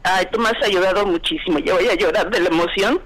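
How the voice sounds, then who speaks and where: A woman's voice: lowish voice, fast talker, crowd noise. A woman from Xalapa calling into a live show, gushing and swearing playfully. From Xalapa, Mexico. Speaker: caller. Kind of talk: phone call-in chat. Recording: noisy phone call.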